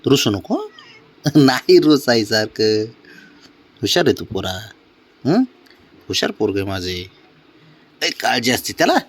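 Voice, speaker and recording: A young man talking baby talk to his sulking pet cat, coaxing and doting in a sing-song voice with soft chuckles. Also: medium pitch, big pitch swings, unhurried, pauses often, husky. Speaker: cat owner vlogger.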